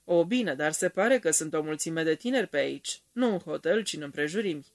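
A reader voicing a calm, tactful older gentleman. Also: mid-range voice, no echo, clean studio sound, lightly acted. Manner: measured, tactful.

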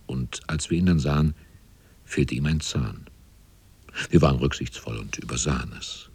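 Very deep, husky male narrator. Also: normal speed, dry recording. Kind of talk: scripted radio drama narration.

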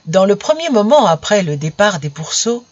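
Measured storybook narrator, dry sound. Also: medium pitch, dry recording, highs cut off. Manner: even, measured reading.

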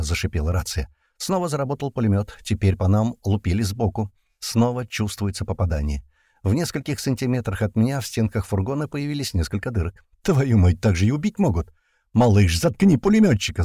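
A man's voice: on the low side, no echo, clean studio sound. A man narrating a first-person action audiobook in a tense storytelling manner. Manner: tense storytelling with shouted commands.

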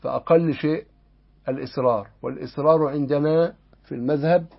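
A man's voice: a little high, fairly even intonation, fairly quick, vocal fry. A man with an Egyptian Arabic accent teaching a lesson on Islamic law, explaining a text and asking his listeners rhetorical questions. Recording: dull lo-fi lesson recording.

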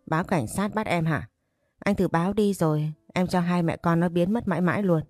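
A woman voicing a jealous, cruel young wife who threatens and taunts in a low, warm voice. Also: a little fast, no echo, studio quality, faint music behind, natural voice. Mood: mocking. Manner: taunting, menacing.

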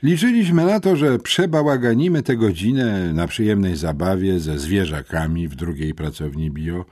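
Husky low-voiced male audiobook narrator. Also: moderate pace, mellow. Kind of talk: first-person audiobook reading.

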